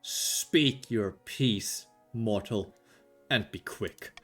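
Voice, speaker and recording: A man voicing a stern, aloof male storm wizard who makes measured, solemn pronouncements. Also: on the low side, a bit bright, faint music behind, exaggerated voice.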